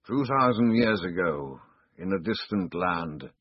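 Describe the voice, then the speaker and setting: A man voicing a cold, solemn old male desert chieftain who speaks slowly and gravely, with a dull, dry recording. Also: low-pitched, lively intonation, dry recording, exaggerated voice. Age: older. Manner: slow, grave, deliberate. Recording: dull, dry studio sound.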